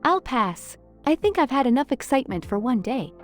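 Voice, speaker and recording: A woman's voice: sits high, big pitch swings, moderate pace, soft background music. A woman voicing a self-absorbed teenage daughter in a cartoon. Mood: overwhelmed.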